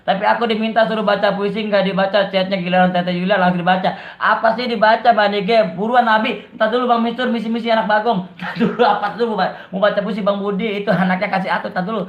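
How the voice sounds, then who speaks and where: A man with a Betawi accent chats casually with his live-stream viewers, teasing them and laughing often as he reads their comments. His voice has a gravelly, fried edge. The sound is dull and lo-fi, with a roomy echo around it. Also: sits high, steady tone, quick pace.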